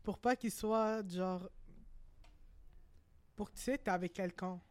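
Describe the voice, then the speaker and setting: A young woman speaks, as someone using a language that is not her first. She talks informally in a group discussion, halting now and then to find the word. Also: medium pitch, darkish tone. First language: not French. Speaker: panel participant.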